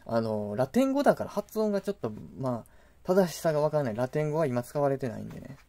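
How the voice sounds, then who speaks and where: Hosting a casual vlog, a man with a Kansai Japanese accent rants in exasperation, breaking into sudden indignant outbursts. His voice is on the high side and mellow, and he talks very fast and with lots of animation.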